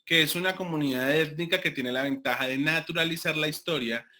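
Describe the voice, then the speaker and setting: A man from Colombia with a Colombian accent, giving an online class as a lecturer, talking deliberately with many fillers and restarts. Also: fairly high pitch, pushed and bright. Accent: Colombian Spanish. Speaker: university lecturer.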